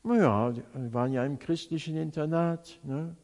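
A man's voice: a little high, a little mellow. A middle-aged man preaching a sermon, telling personal testimony in an earnest, storytelling way. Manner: slow, earnest storytelling, voice rising and sinking. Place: church. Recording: long church reverb.

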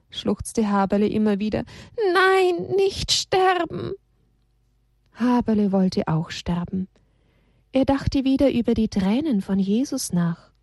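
A woman reading a children's story aloud in an expressive, storytelling manner. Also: medium pitch, breathy edge, dry recording, clean studio sound. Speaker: narrator.

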